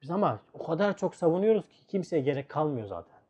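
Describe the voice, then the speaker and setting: A man's voice: fairly high pitch, very animated, fast, darkish tone, breathy edge. Man teaching a religious lesson. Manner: rhetorical questions and repeated words.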